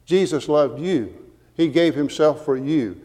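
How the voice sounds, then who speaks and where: Male preacher, earnest and emphatic sermon delivery, voice a bit high, long hall reverb. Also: unhurried, mellow. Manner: earnest, emphatic, quotes scripture with references.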